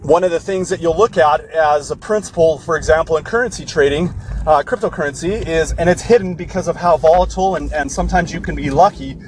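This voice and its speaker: A man's voice: fairly high pitch, a little fast, a little hiss or hum, poor audio. A man, a bit out of breath, giving an informal livestream lesson as a course instructor, explaining casually and correcting himself as he goes.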